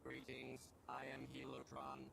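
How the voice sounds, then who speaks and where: Game care robot, clinical and literal, gravelly mid-range voice. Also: male voice, medium pitch, completely flat delivery, measured pace, fairly bright tone. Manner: clipped, formal machine phrasing. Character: helpful medical care robot, dutiful and literal. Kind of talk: video game voice acting.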